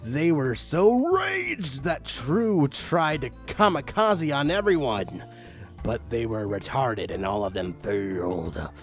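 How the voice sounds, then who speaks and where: Reading a clumsy piece of fan fiction aloud, a man sighs and lurches into mock-dramatic, exasperated outbursts. His medium-pitched voice is sing-song and he takes it slowly, with soft music playing behind him.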